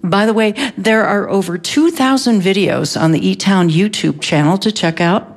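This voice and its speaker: A woman reading a scripted sponsor and station announcement in a smooth, even way. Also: mid-range voice, moderate pace.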